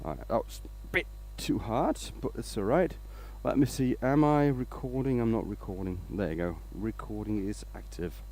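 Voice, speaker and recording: A man's voice: on the low side, animated, moderate pace, hardly any pauses, dark tone. A man from Denmark, hosting a casual woodturning livestream, rambling along and greeting viewers by name.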